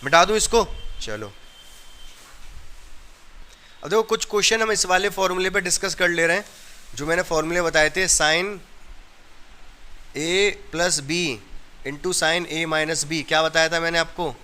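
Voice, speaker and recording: Male maths teacher, from India, bright, clear voice, explains step by step, keeps checking that the class follows. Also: a little high, moderate pace. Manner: explains step by step, often asks students if they understood.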